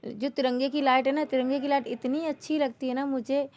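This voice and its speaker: A young woman from northern India talks viewers through her family vlog, chatty and easygoing, breaking into laughs. Her voice sits a little high for a woman. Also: level tone, a little fast, a little mellow. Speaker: family vlogger. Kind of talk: casual vlog narration.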